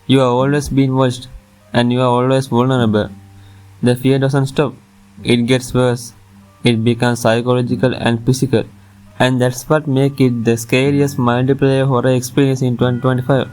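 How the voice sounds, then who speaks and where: A man's voice: medium pitch, little pitch movement, moderate pace, darkish tone, low-quality recording. A man reading a scripted top ten countdown as its narrator, with music playing behind him. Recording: music under the voice.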